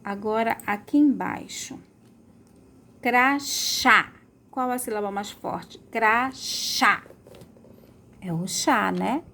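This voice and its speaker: A woman teaches a remote school lesson, drawing out words to model their sounds and checking in with her pupils often. Her medium-pitched voice is creaky, with a measured pace and few pauses, over slight background noise.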